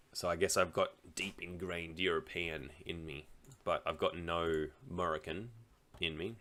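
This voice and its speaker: An Australian chess streamer plays online chess while talking casually, rambling, thinking aloud and laughing often. His voice sits low and is a bit bright.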